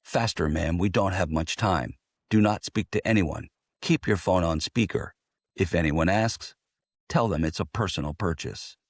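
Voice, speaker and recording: A man's voice: sits low, normal speed, no echo, studio quality. A man voicing a menacing male scam caller who poses as a tax agent and makes stern, commanding threats. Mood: barking.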